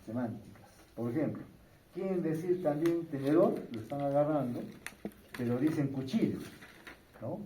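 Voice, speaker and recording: A man walks students through neurology in a relaxed, conversational way, tossing in quick tag questions. His voice is dark and mellow. He is caught from some distance in a roomy, echoing room with faint ambience behind him. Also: on the high side, slight background noise. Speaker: neurology lecturer. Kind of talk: medical lecture. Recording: echoey room, speaker away from mic, faint ambience.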